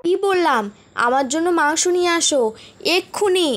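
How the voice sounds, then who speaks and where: A woman voicing a bewitched young girl in a cartoon, speaking in a high, bossy voice. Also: moderate pace, very noisy. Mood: demanding. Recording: background music.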